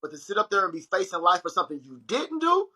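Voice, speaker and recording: Young guy on a livestream, bright husky voice, kinda high, telling a story to his viewers all worked up. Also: quick pace, poor audio. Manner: animated storytelling, addresses viewers as y'all. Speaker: livestream host. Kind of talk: casual chat.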